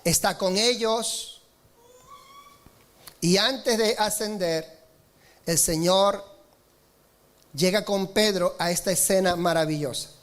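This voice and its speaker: A male pastor preaching a sermon, swinging between raised, emphatic lines and slow, low stresses, calling on the congregation to respond. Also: fairly bright tone. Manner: preaching with rises in pitch and slowed emphatic lines, asking the congregation for amen.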